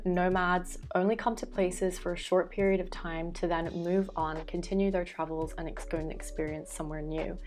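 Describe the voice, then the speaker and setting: Earnest, thoughtful young woman vlogger. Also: on the low side. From Belgium. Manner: earnest, thoughtful, with filler words and self-corrections. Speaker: vlogger and life coach. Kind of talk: reflective talking-head vlog. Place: small room indoors at home. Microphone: fixed camera, framed chest-up.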